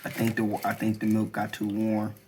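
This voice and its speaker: A woman with an unusually low voice makes dry, blunt remarks. She is far from the mic in an echoey kitchen, with clear hiss and clattering dishes. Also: monotone, fairly quick, darkish tone. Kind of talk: casual family vlog. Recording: echoey, distant, noisy kitchen.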